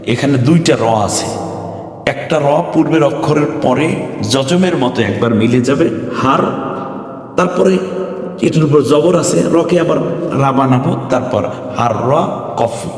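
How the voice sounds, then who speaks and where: A man at a middle pitch leads a step-by-step recitation lesson, patient and encouraging. He slows down to chant each Arabic word for his students. His voice carries a roomy, lingering echo. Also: a little mellow. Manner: patient, coaxing, chants Arabic words slowly. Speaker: Quran reading teacher.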